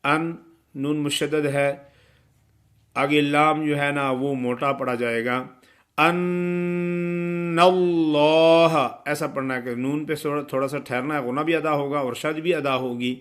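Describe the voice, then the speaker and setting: A man giving a tajweed lesson, explaining pronunciation rules and reciting verses slowly and melodically to show them. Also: medium pitch, flat delivery, a bit bright. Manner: imitates common mistakes to correct them. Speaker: Quran recitation teacher.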